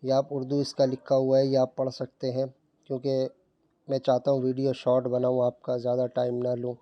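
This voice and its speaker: A man teaching Quran reading, switching between quick explanations and slow, carefully spaced syllable drills. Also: medium pitch, completely flat delivery, no echo, lo-fi sound. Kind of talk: step-by-step recitation lesson.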